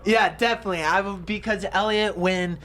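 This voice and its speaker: A man doing excitable, rambling color commentation on a football game. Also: sits high, fairly quick. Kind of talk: live sports commentary.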